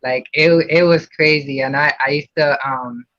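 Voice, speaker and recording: A man from Puerto Rico, a podcast guest in a casual interview, talks about his childhood with many fillers and restarts. His fairly high, fairly bright voice keeps a steady tone at normal speed. The sound is dull and lo-fi, with no echo.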